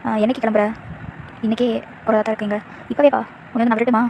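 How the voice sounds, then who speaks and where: A devoted young husband, as a woman narrator reads him in a fan story, earnest and protective. He speaks quickly with little rise and fall in pitch. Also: level tone, vocal fry, a little mellow, slight background noise, natural voice. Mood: tender. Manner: earnest, firm in defense of his wife.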